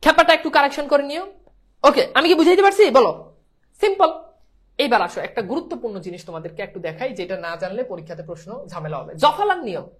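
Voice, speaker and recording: A woman's voice: sits high, very animated, fast. A woman teaching a pronunciation lesson, repeating herself and coaxing students to say whether they understand. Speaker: Bangla teacher.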